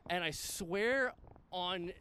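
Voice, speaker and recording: A man in his thirties with a high-pitched voice, walking outdoors and chatting. He tells stories loosely, swears freely and laughs often. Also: extremely slow, bright, forceful tone, smooth. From the Bronx, New York. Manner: profane storyteller, laughs often. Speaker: guest. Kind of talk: casual chat while walking. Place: outdoors in a cemetery.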